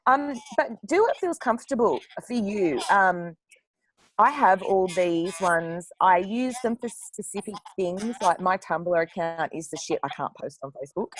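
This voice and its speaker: A woman's voice: on the low side, slight background noise, rough recording. A woman author on a panel discussion who talks bluntly, swears freely and laughs often.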